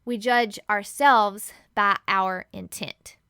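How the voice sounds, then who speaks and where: A woman giving a casual Bible teaching as a podcast host, animated and laughing often as she acts out everyday scenes. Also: mid-range voice, slow pace, clean tone, no echo, clean studio sound.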